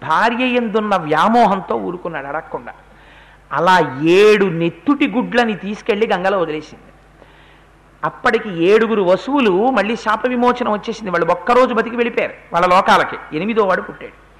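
In a religious discourse, a man animatedly retells an epic story, acting out what each character says. His voice is high-pitched and his pace a little fast.

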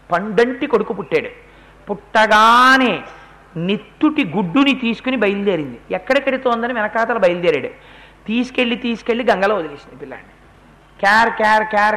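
A man delivering a religious story discourse in a high, bright voice. He retells the epic in an animated, dramatic way and slips into the characters' speech as he goes. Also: fast. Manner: animated, acts out the quoted speech.

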